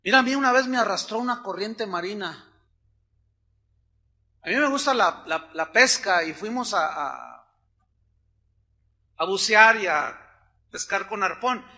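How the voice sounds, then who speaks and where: A middle-aged Mexican pastor delivers a sermon in a relaxed, storytelling way. His voice sits high for a man and rings very bright. He acts out the people in his anecdotes, switching voices as he quotes them. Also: measured pace, long pauses. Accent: Mexican Spanish.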